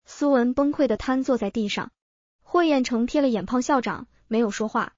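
Woman narrating a comic story, kinda high voice, flat dull audio. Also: moderate pace, no room sound.

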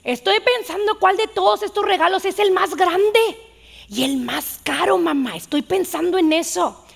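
A small boy frets over his pile of gifts, as a woman preacher puts him on. The voice sits high with a gravelly edge, and it has the wondering, slightly whiny manner of a child in a storybook moment. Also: moderate pace. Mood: musing. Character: little boy fixated on his presents.

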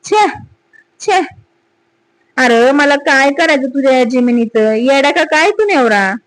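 A woman's voice: high-pitched, lively intonation, takes it slowly, dry recording, poor audio. A woman voicing a sly village man who feigns reluctance in rustic dialect. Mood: evasive.

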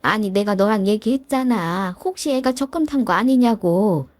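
A woman's voice: mid-range voice, expressive, normal speed, a little mellow, no echo, lightly acted. A woman voicing a pushy, self-pitying older mother-in-law in a storybook drama, wheedling and guilt-tripping. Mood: pleading, pushy.

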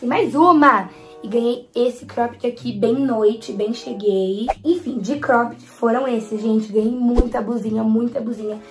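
A woman's voice: on the high side, measured pace, faint music behind. A nineteen-year-old woman with a Brazilian accent, chatting to camera at home in a gushing, enthusiastic way. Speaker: vlogger. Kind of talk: casual chat to camera. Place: at home near her bed. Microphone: camera with ring light.

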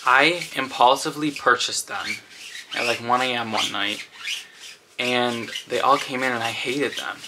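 A man's voice: mid-range voice, unhurried, background noise. A young man, chatting casually to the camera in a home vlog and rambling with lots of "like". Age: young adult. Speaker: vlogger. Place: home bathroom and bedroom, also car.

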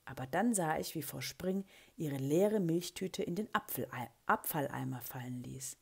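A woman reading a children's story aloud, with a breathy voice and an expressive way of giving the characters their lines. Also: low-pitched, moderate pace. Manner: expressive, lively character voicing in quotes. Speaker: children's book reader.

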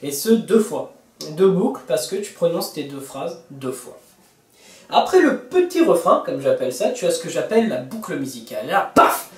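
A man's voice: on the high side, far from the mic. A man teaching a song on guitar, talking casually to the viewer, counting beats and singing bits of the lyrics. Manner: talks to the viewer informally, counts beats and sings lyric snippets over guitar. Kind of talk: guitar tutorial explanation. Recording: roomy, from off-mic, with guitar playing.

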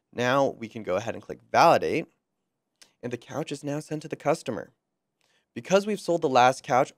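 A young man presenting a screen-recorded software walkthrough, friendly and upbeat with light jokes, on a close mic. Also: mid-range voice, dry recording.

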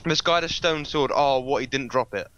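A man's voice: medium pitch, a little fast, clear, resonant tone, dull audio. A man in casual gaming chat, laughing and calling out his moves. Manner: laughs a lot, excited play-by-play. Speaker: gamer.

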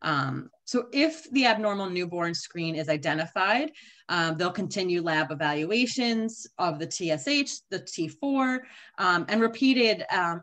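Low-voiced woman explaining medical facts. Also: a bit bright. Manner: measured, frequent um fillers. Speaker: presenter. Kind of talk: recorded training lecture.

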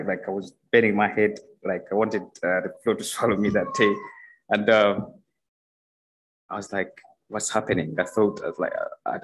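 A man's voice: low-pitched, low-quality recording. A young man from Uganda giving a personal testimony at a church podium, speaking hesitantly with many fillers and restarts. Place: church stage in a large hall. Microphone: podium microphone.

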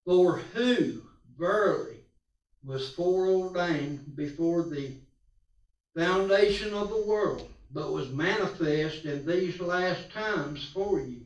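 A man preaching at a pulpit microphone, reading scripture slowly and deliberately with small stumbles. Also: high voice, muffled recording. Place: church sanctuary. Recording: roomy church sound from a distance.

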